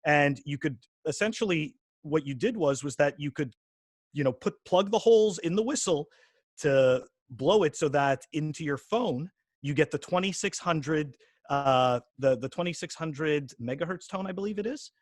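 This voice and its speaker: A man's voice: on the high side, expressive, moderate pace, no echo, clean studio sound. A man in his forties from Quebec, a podcast guest chatting casually, rambling with many restarts and fillers. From Quebec, Canada. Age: 40s. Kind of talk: casual interview chat.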